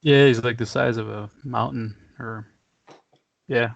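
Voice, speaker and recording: Gravelly laid-back man chatting. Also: mid-range voice, steady tone, unhurried, no room sound, muffled recording. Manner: laid-back, chuckling, rambling. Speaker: podcast co-host. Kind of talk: casual chat.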